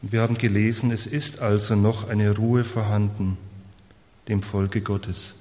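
A man's voice: fairly low pitch, level tone, measured pace, warm tone. A man giving a devotional talk to a congregation, speaking to them directly and reading a story aloud, his voice strained and not in good shape. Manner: addresses listeners directly, reads a story aloud. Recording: long hall reverb.

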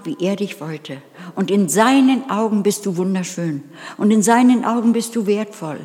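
A woman's voice: medium pitch, darkish tone, big-room sound. A woman giving an earnest, emphatic sermon and putting direct questions to her listeners. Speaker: preacher.

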